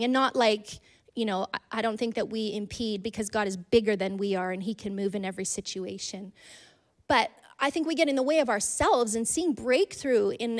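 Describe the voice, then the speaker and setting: A woman telling a personal faith story to a congregation, earnest and conversational, with frequent "like"s and soft laughs. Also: a little high. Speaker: speaker sharing a testimony. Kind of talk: personal testimony in a church talk.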